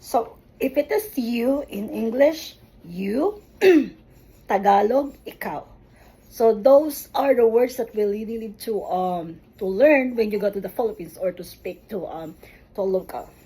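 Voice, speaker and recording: A woman who teaches Tagalog, giving a language lesson and slowly repeating each word so learners can follow its pronunciation. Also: on the high side, expressive, mellow, husky, poor audio. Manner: slow, deliberate, repeats words for pronunciation. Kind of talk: slow spoken language lesson.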